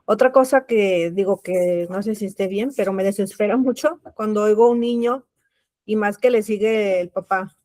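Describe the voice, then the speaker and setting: A woman, a course participant, speaking in an expressive, exclamatory way. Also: mid-range voice, moderate pace, dry recording, clean studio sound. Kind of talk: question from a participant.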